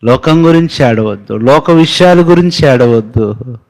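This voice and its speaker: Male pastor, measured sermon delivery, emphatic repeated questions. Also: medium pitch, lively intonation, a little mellow, rough recording. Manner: preaching with emphatic rising questions and sung hymn lines.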